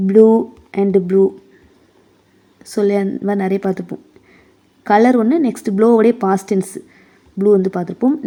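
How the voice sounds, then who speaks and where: A woman with a Tamil accent teaching an exam prep lesson, reading English questions slowly and explaining them in quick Tamil. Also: medium pitch, dark tone.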